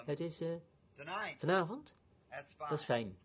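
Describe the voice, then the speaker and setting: A man's voice: a little high, animated, a little slow, crowd noise. An older man preaching at a church baby dedication, folksy and rambling with many hesitations.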